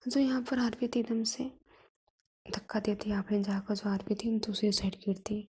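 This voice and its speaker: A woman telling a love story in a soft whisper, narrating each move as whispered storytelling. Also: medium pitch, steady tone, normal speed, slightly rough.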